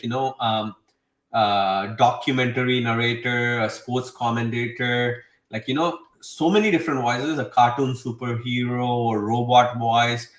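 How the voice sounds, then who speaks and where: A man's voice: medium pitch, fairly bright tone. A man gives a casual, enthusiastic walkthrough, rambling and leaning heavily on fillers. He sits some distance from the mic. His voice rings around a roomy space. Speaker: host demonstrating software. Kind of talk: casual screen-share tutorial. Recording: roomy sound, away from mic.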